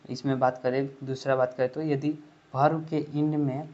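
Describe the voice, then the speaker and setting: Male tutor with a Hindi accent, mid-pitched voice, patient step-by-step explainer who repeats words, slightly dull lo-fi audio. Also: flat delivery, moderate pace, darkish tone. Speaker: English pronunciation teacher. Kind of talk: spoken English lesson. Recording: dull lo-fi recording.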